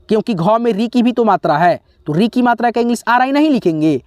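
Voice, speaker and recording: A man teaching a spelling lesson, slowly sounding out letters one by one and often pausing to check in with his viewers as friends. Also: sits high, no echo, studio quality. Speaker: English teacher.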